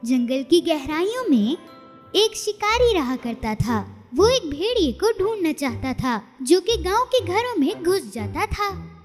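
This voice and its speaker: A woman narrating a storybook cartoon in an expressive, storytelling way. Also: very high voice, unhurried. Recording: reverberant, with music underneath.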